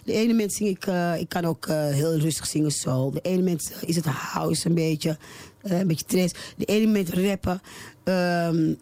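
A woman's voice: lowish voice, moderate pace, mellow, no room sound. A woman in her forties, a singer being interviewed on the radio, talking in a hesitant, chatty way full of fillers and restarts. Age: 40s. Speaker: singer guest.

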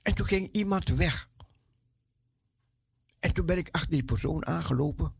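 A man giving a personal testimony as an animated story. He repeats words for emphasis and acts out the voices of the people he met. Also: on the high side, moderate pace, creaky, breathy edge, no room sound, clean studio sound.

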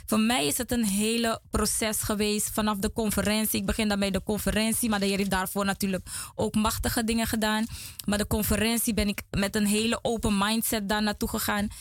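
A woman's voice: medium pitch, flat delivery, fairly quick, no room sound. A woman guest in a small studio giving an emotional religious testimony, earnest and repeating words as she talks.

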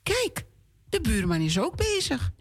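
Woman doing a high eager little girl. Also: wildly swooping pitch, measured pace, heavily acted. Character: excited curious little girl.

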